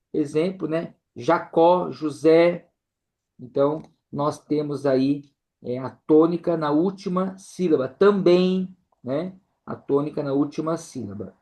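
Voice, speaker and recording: A man's voice: a little high, a little mellow. A man teaches a casual lesson to a church group, tagging nearly every phrase with "né?".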